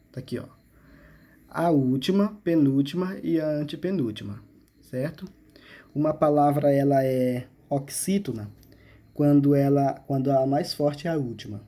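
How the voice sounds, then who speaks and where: A man's voice: medium pitch, warm tone, breathy edge. A male teacher, explaining a school exercise step by step and checking in with frequent questions. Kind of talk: remote classroom lesson.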